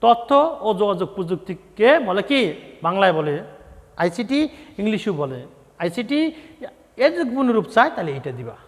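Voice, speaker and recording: A man teaching a primary school science lesson to children, slowly spelling out words letter by letter and repeating key terms. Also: sits high, sing-song, big-room sound.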